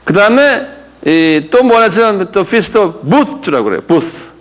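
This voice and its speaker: An older male pastor gives a classroom Bible lesson at a slow, unhurried pace. His voice sits high for a man and swings widely up and down. He often stops to quiz the listeners and have them say words back. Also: lively intonation. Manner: drills English terms, asks the class to repeat; explains slowly, with many fillers and questions to the class.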